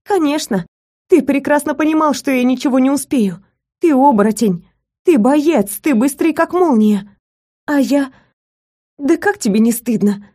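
A woman voicing a young heroine who cries out high, in pleas and protests. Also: normal speed, dark tone, natural voice. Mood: angry. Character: young woman heroine, pleading then indignant.

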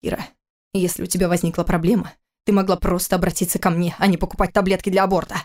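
A woman's voice: lowish voice, flat delivery, fast talker, a little mellow, close to an everyday voice. A woman reading an audiobook voices a young husband in her own plain, questioning voice. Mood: angry. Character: young husband, tender then demanding.

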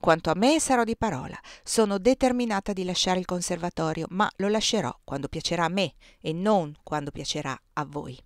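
A woman's voice: lowish voice, no room sound, clean studio sound, lightly acted. Woman reading as a cool, scornful young woman. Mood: stern. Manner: cool, measured, mocking. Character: composed young woman, coolly scornful toward her superior.

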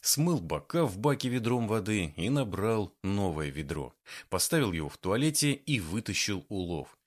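Audiobook narrator, low male voice with lively intonation. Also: normal speed. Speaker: audiobook reader. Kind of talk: scripted narration.

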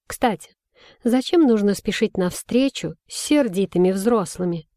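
A woman's voice: medium pitch, lively intonation, measured pace, dark tone, dry recording, studio quality, close to an everyday voice. A woman reading a storybook and voicing a spoiled, haughty boy prince who whines when he does not get his way. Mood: petulant. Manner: sulky and petulant.

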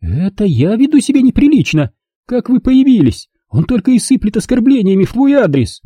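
A man voicing a sharp-tongued, indignant middle-aged mother, scolding in a raised voice. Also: high voice, big pitch swings, brisk, slightly rough, no echo, studio quality, voice pushed up, exaggerated voice.

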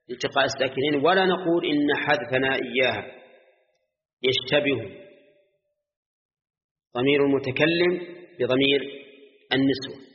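A male scholar giving a classroom lesson on Quranic grammar. He explains step by step, checks with short questions to his students and chants the verses he quotes. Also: medium pitch. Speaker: Islamic scholar teaching Quran exegesis. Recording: dull lo-fi recording in a reverberant hall.

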